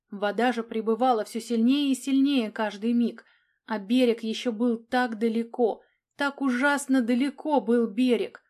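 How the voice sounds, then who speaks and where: A woman narrating an audiobook in an expressive, dramatic reading style. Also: on the high side.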